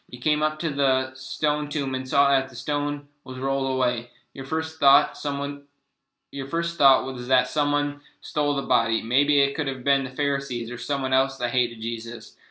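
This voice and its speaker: A man's voice: medium pitch, sharp tone, reverberant, low-quality recording. A young man giving a class presentation, reading his written pieces aloud and stumbling over words with restarts.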